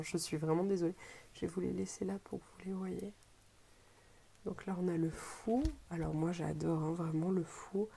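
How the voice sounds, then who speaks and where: A woman with a French accent gives a relaxed unboxing presentation. Her voice is slightly low and very mellow. She speaks hesitantly, often pausing to search for the right word. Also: gravelly. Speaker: tarot deck reviewer.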